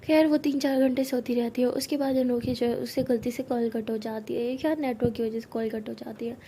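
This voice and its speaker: A woman's voice: fairly high pitch, fairly even intonation, brisk, dark tone, slight background noise. Chatty young woman telling a story. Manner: chatty, uses many fillers. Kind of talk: casual spoken storytelling.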